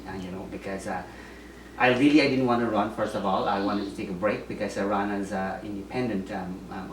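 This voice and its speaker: A man from Guyana answering interview questions, speaking hesitantly with many ums and restarts. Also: on the low side. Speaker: interviewee, former mayoral candidate. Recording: roomy echo, distant mic, faint noise.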